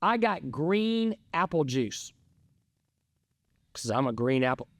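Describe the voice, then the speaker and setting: A middle-aged man co-hosts a podcast in loose, casual chat. He rambles through his story with excitable energy, in a somewhat high voice recorded close and dry. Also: slow, dry recording. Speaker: podcast co-host.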